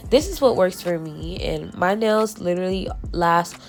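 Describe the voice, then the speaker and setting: Woman nail tech talking thru her routine, kinda stuffy from a cold, lowish voice, chatty and slangy, soft music behind. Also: expressive, moderate pace. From South Florida. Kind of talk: casual voice-over tutorial. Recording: voice-over with faint background music.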